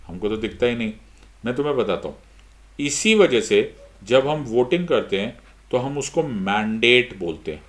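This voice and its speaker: A middle-aged Indian man teaching an exam-prep lesson, switching between Hindi and English with an Indian accent and putting questions to himself before he answers them. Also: mid-range voice. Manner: lively, mixes Hindi and English, asks and answers his own questions. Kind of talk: online lecture.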